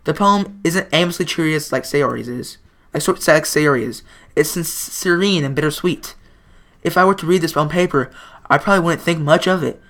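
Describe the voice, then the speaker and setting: A man's voice: a little high, normal speed, fairly bright tone. A man hosting a gaming video, reading a visual novel's text aloud and stumbling over words as he comments on it.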